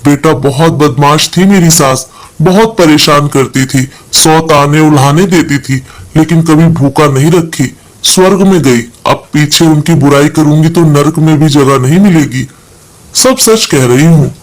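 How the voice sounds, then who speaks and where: A man's voice: on the high side, a little slow, close to an everyday voice, low-quality recording. A man reading the part of a middle-aged mother-in-law who complains and weeps about being kept hungry.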